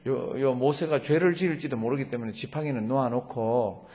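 A middle-aged male pastor preaching a sermon, asking rhetorical questions and slowing down to read scripture aloud, in a church sanctuary. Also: medium pitch, mellow. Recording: long church hall reverb.

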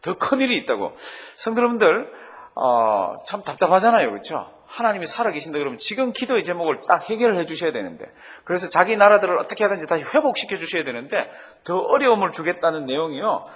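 A man's voice: high-pitched, fast talker, breathy edge. A man who is a pastor, teaching a Bible study sermon and leading his congregation to read Scripture aloud with him. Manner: animated, leads congregation in reading aloud. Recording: long reverb of a hall.

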